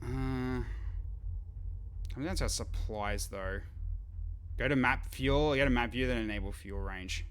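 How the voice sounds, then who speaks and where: A man streaming a game, chatting and thinking aloud in casual commentary, quick to laugh. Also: mid-range voice, a bit bright, slight background noise.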